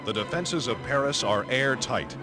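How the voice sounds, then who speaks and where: An old newsreel narration by a man, delivered in a dramatic, emphatic announcer style. His voice swoops up and down with great expression, and a clear music score plays underneath him. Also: medium pitch, lively intonation, normal speed.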